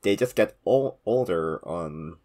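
A man's voice: sits low, expressive, slow pace, a little mellow. A man in his twenties from South Korea with a Korean accent, explaining things casually in non-native English phrasing and having trouble pronouncing his V sounds. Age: 20s. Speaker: podcast co-host explaining Korean customs.

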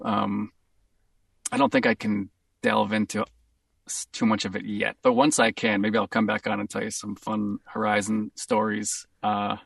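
A man with a Boston accent, a voice actor, talking in a casual interview in an upbeat, excitable way and laughing easily. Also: on the low side, gravelly, far from the mic. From Boston, USA. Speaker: voice actor guest.

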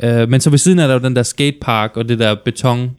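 A man's voice: mid-range voice, fairly even intonation, a little mellow, clear, resonant tone. A man co-hosting a casual podcast, rambling with many restarts and acting out little scenes as he talks. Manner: rambling, restarts, acts out gym moments. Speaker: podcast co-host. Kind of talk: casual chat.

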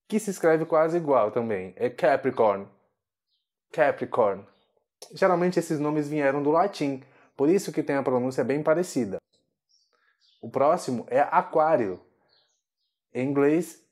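A man giving a video English lesson, slowing down carefully to model each pronunciation. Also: a little high, a little mellow. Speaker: English teacher.

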